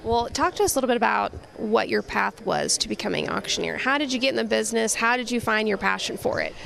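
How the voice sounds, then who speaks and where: A woman's voice: fairly high pitch, animated, quick pace, creaky, a bit bright. An American woman hosting a broadcast interview in an upbeat, complimentary manner. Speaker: show host.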